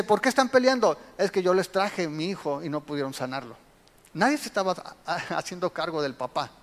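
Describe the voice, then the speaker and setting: High-voiced preacher in a reverberant hall. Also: male voice. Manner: animated, acts out quotes with swings from loud to hushed. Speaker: pastor. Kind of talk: sermon.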